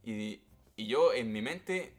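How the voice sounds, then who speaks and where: A young man with a Chilean accent and a voice of middling pitch. He tells his own story calmly and step by step, with faint music playing behind him. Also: slow pace. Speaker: podcast guest. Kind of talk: casual storytelling chat.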